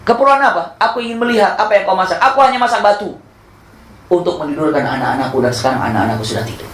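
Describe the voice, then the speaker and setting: A man voicing a poor mother at the border, in a strained, high, pleading voice, in an echoey room. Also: animated, very fast, fairly bright tone, slight background noise.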